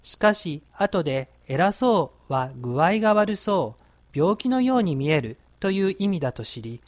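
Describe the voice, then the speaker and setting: A man reading a language textbook's culture note in a clear, measured way, now and then putting questions to the learners. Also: sits high, big pitch swings, no room sound. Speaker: textbook audio narrator. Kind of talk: scripted educational narration.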